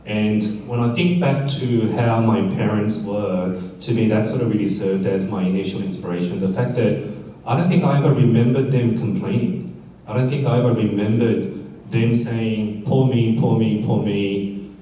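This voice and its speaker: At a community fireside chat, a low-voiced man shares spontaneous, reflective stories from his life, having come from South Korea and then Australia. He talks at a moderate pace with a mellow sound. The event stage is in an echoey indoor space, picked up by a far-off mic with some faint noise.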